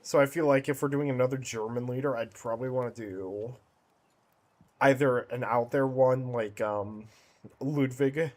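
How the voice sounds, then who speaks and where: A man's voice: mid-range voice, steady tone, normal speed. Chatty man streaming a game. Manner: chatty, laughs often, thinks aloud while playing. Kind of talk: casual livestream chat.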